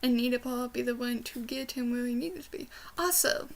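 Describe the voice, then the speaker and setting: A young woman with a slightly high, creaky voice speaks briskly as she rambles through a casual book review vlog in her small bedroom. She can't quite pronounce R sounds, and they come out sounding like W's.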